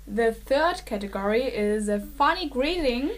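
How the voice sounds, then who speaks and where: A woman from Los Angeles co-hosting a podcast, cheery and quick to laugh during a word game. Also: a little high, expressive. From Los Angeles, California. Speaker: podcast co-host. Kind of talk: casual game chat.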